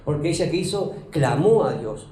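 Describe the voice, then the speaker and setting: A man's voice: fairly high pitch, animated, normal speed, mellow, a little hiss or hum. A man preaching a sermon as pastor, often asking the congregation to answer back. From Uruguay. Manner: preaching with rising emphasis and audience call-backs. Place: church. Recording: echoey church hall.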